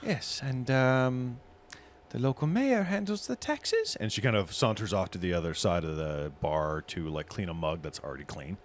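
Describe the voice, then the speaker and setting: A man's voice: fairly low pitch, lively intonation, moderate pace, slight background noise. A man working as game master, narrating a tabletop role-playing game in a casual way.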